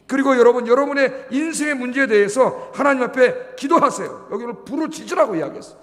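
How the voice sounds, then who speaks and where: A man's voice: extremely high pitch, expressive, quick pace. A middle-aged male pastor preaching at a Friday prayer service, exhorting his congregation with rhetorical questions and prompting them for answers. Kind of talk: sermon. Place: church sanctuary. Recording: long hall reverb.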